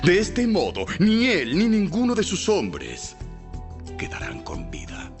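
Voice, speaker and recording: An actor playing a shrewd, persuasive male royal counselor in an audio Bible drama, speaking with theatrical, deliberate emphasis. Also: high-pitched, wildly swooping pitch, full character voice. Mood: persuasive, grave. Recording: music behind.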